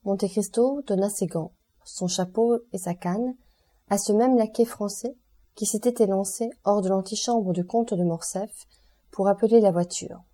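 A woman narrating a classic novel as an audiobook in a measured storytelling manner. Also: mid-range voice, dark tone.

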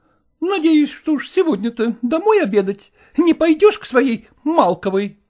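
A man reading a story aloud, voicing a jealous, demanding actress wife who scolds and shouts at her husband. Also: very high-pitched, lively intonation, a little slow. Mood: reproachful. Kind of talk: audiobook character voice.

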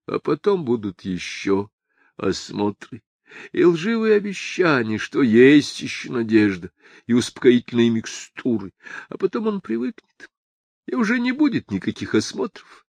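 A man's voice: medium pitch, big pitch swings, unhurried, no echo. A man voicing a panicked middle-aged male writer in an audiobook, frantic and pleading. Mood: despairing. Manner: frantic, pleading, rising to shouts. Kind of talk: audiobook character voice.

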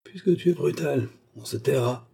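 A man voicing a brash young male rascal in an audiobook, cool-headed and insolent, bursting into loud cries. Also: medium pitch, moderate pace, gravelly, breathy edge, pitched above the performer's own voice. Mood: defiant.

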